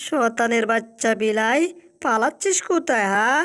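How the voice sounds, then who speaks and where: A fierce monster fish from a dubbed cartoon played by a woman. The voice is very high and has a scolding, bossy edge. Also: normal speed, a bit bright, lightly acted. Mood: menacing. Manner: scolding, taunting. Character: fierce, threatening monster fish, loyal to friends. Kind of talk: Bangla cartoon dub.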